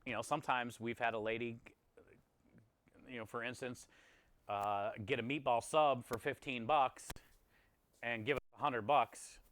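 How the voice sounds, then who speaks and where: A man's voice: mid-range voice, steady tone, measured pace, long pauses, fairly bright tone. A man chatting casually to livestream viewers as a chef and host, in a friendly, appreciative and conversational way. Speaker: food truck chef and streamer.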